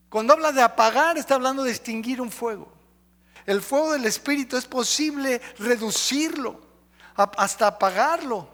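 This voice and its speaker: A man's voice: extremely high pitch, fairly bright tone, long reverb tail. A male pastor preaching emphatically, running through lists and questioning the congregation. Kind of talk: sermon. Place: church sanctuary.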